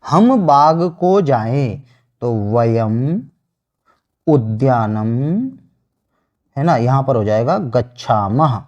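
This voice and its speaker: A man teaching Sanskrit grammar online, slowly repeating each answer after asking it back. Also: mid-range voice, lively intonation, a little mellow. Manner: slow, repeats answers with rhetorical questions. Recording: dull lo-fi sound.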